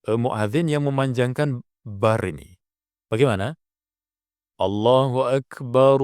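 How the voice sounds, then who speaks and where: An Indonesian man teaches recitation at an unhurried pace, repeating each point patiently. Now and then he slips into long, drawn-out chanted examples. His voice sits mid-pitch and is recorded dry and close, with no room sound. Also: darkish tone, no echo. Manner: repetitive, patient, breaks into drawn-out chanted demonstrations. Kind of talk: instructional explanation with chanted call-to-prayer examples.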